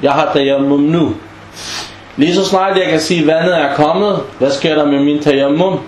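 A man teaching a class on Islamic legal maxims, often asking the students questions and acting out short example dialogues. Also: fairly high pitch. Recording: echoey room with faint background noise.

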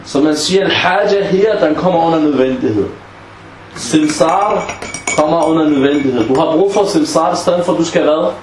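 A man teaches a class on Islamic legal maxims, stopping often to put questions to his students and act out small example exchanges. His voice carries in an echoey room. A faint hum of background noise sits behind him. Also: on the high side. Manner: asks the class questions and acts out example dialogues.

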